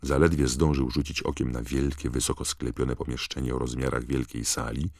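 A man reading an audiobook in measured storytelling narration. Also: extremely low pitch, little pitch movement, gravelly, a little mellow, dry recording, clean studio sound. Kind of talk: scripted narration.

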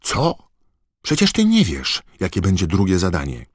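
A man's voice: sits low, huge pitch swings, slow pace, husky, dry recording, clean studio sound, voice pushed up, exaggerated voice. A man voicing an anxious, breathless teenage boy wizard. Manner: breathless, pleading.

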